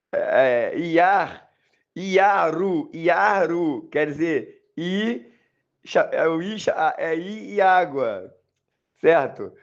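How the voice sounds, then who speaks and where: A man's voice: sits high, dull audio. A man with a Brazilian Portuguese accent recording a voice message, talking insistently and repetitively to his listeners. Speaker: religious commentator. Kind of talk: voice message monologue.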